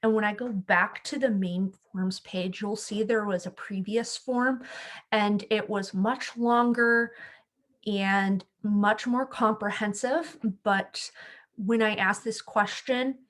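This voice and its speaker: Friendly woman explaining a tutorial. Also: medium pitch. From California. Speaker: school speech-language pathologist. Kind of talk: screen-share tech tutorial.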